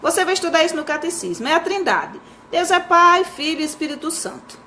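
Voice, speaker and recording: A woman's voice: very high voice, expressive, brisk, bright, forceful tone, a little hiss or hum, voice pushed up, heavily acted. A woman reading aloud and voicing an indignant, pious mother who scolds her son. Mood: scolding.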